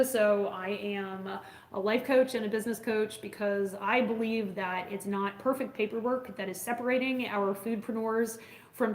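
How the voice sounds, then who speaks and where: A woman in her forties talking casually to the camera as a food safety consultant, chatty and enthusiastic, rambling with fillers and restarts. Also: mid-range voice. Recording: roomy echo.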